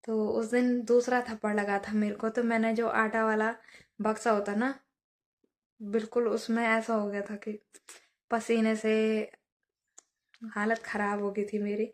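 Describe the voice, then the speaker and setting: Young woman, casual storyteller, slightly high voice, flat delivery, chatty asides. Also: a little slow, pauses often. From Uttarakhand hills. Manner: chatty, many fillers and "है ना" asides. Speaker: vlogger.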